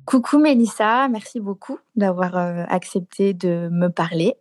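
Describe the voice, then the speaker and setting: A woman's voice: mid-range voice, a little slow, a little mellow, soft background music. A woman in her thirties hosting a podcast, reading scripted narration in a frank, wry, confiding way. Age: 30s. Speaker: podcast host.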